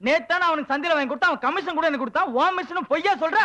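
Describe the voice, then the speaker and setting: An actor playing a rowdy, teasing young man in a film comedy, loud and rapid-fire. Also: extremely high pitch, very noisy. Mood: pushy.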